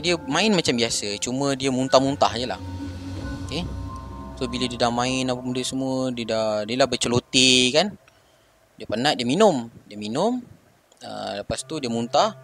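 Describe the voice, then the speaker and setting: A man's voice: mid-range voice, expressive, normal speed, fairly bright tone. A man with a Malaysian Malay accent telling a true horror story in a casual, chatty way, talking straight to his listeners. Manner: chatty, conversational, addresses listeners. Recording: faint background music.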